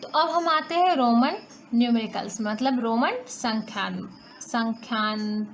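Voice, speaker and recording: A woman's voice: a little high, a little slow. A young woman from India teaching a math lesson, patiently counting through place values and answering her own questions. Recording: faint background noise.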